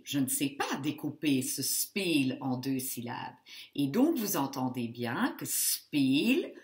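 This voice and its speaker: A woman teacher explaining spelling rules step by step in a lesson, stressing each example word. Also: deep voice. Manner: teaching in French, switching to Dutch for the example words. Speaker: Dutch language teacher.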